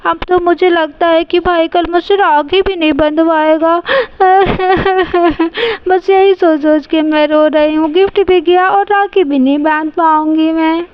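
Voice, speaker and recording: Lady putting on a high lisping little girl doll, whiny, pleading, dull dry sound. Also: fairly even intonation, moderate pace, few pauses, dry recording, lightly acted. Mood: tearful. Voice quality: babyish lisping talk. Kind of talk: storybook doll play.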